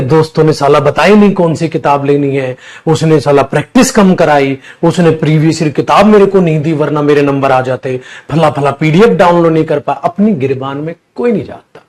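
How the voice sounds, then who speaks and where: A man teaching an English grammar class, addressing his students fondly as children and pushing each point with stress. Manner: addresses students as beta, coaxing and emphatic; jumps higher and louder to stress points. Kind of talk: coaching class lecture.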